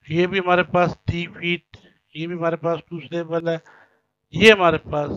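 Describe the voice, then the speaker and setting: A male teacher from Pakistan explains a school lesson to young children. He reads each point, translates it, repeats key words slowly and checks that the children follow. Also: high-pitched, a bit bright, no room sound. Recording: dull lo-fi recording.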